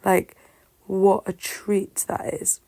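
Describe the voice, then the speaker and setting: A woman talking casually and reflectively to her listeners, musing in a halting way, her voice affected by a sore throat. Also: mid-range voice, monotone, gravelly, mellow. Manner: halting, musing, self-questioning. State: sore-throated, unwell-sounding voice. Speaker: solo host of a personal talk show.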